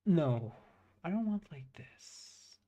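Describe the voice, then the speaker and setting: A young man, thinking aloud while coding on a live stream, halting and correcting himself with many fillers. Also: fairly high pitch, sing-song, warm tone. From Bangladesh.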